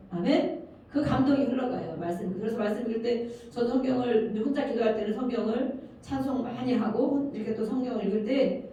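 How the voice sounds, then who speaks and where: Older woman pastor preaching in an echoey hall. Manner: earnest, swells loud on key phrases then drops low. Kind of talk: sermon. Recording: very echoey room, speaker far from mic.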